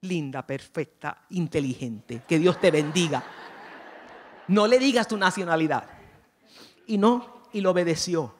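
A woman's voice: on the low side, expressive, unhurried, pauses often. A woman giving a chatty, playful sermon at a conference, often asking her audience questions. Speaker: conference speaker. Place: church conference hall. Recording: long reverb of a large hall.

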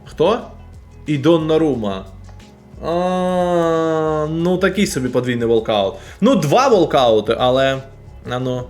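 A man streaming and commenting casually on a game, excitable, bursting into loud exclamations. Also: a little high.

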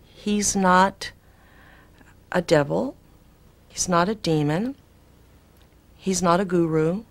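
A woman speaking in an archival interview, telling her story earnestly and a bit breathlessly. Her voice sits fairly low with a gravelly, creaky edge. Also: slow. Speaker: spiritual channeler.

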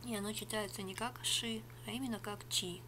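A middle-aged ASMR vlogger whispers and murmurs through a sarcastic, rambling product review at an ordinary pitch, her intonation fairly even and her pace a little quick. A webcam at arm's length records her up close in a small room at home, with a faint hum beneath her voice.

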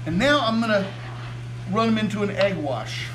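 A man's voice: high voice, expressive, normal speed, noisy background. A man in his forties hosting a cooking show, chatting enthusiastically to viewers as he cooks in a kitchen. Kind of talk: casual cooking demonstration. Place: home kitchen studio, indoors.

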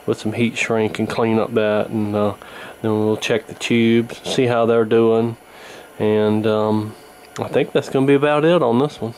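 With a lowish, slightly mellow voice, a radio repairer hosts and casually narrates a repair while working at an indoor bench. The recording comes from a handheld camera near the bench, and its mic picks up clear background noise.

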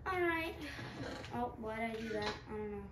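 Animated and at normal speed, a woman with a fairly high pitch and a stuffy nose gives rambling, self-mocking commentary while gaming for her channel. The let's-play recording sounds roomy, with a distant mic and a faint hum in the background.

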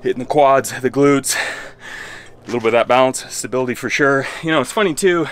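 Set at an outdoor home gym by a garage, this clip has a man in his thirties explaining exercises as a fitness coach. His mid-range voice is fairly bright and fairly quick, and his voice-over is relaxed and enthusiastic.

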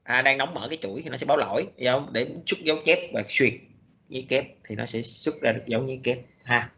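Halting male programming lecturer, bright lo-fi voice. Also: medium pitch. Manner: halting, many fillers and restarts. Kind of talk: recorded lecture.

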